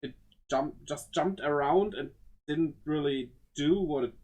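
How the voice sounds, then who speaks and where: A streamer giving casual think-aloud commentary while drawing, muttering to themself and weighing small choices out loud. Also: medium pitch, a little slow, poor audio. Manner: greets viewers playfully.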